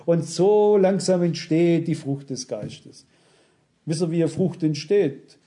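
A man's voice: fairly high pitch, takes it slowly, mellow. A man preaching a blunt, emphatic sermon, often asking his listeners rhetorical questions and citing scripture. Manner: quotes scripture references. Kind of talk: sermon to a congregation.

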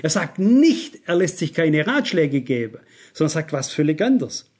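A high-pitched man preaching a sermon with strong emphasis. He is middle-aged and keeps pressing his listeners with rhetorical questions. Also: big pitch swings, moderate pace, darkish tone.

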